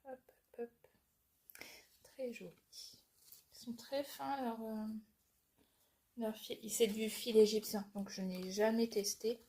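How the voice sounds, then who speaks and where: A woman's voice: a little high, fairly even intonation, slow, pauses often, warm tone, slight background noise. A woman chatting casually as she unboxes a cross-stitch kit, with fillers and small laughs.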